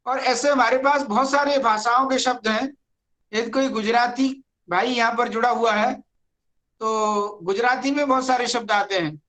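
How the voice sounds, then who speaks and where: A teacher giving an online Sanskrit grammar lecture, speaking deliberately and repeating key words. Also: medium pitch, a bit bright, poor audio.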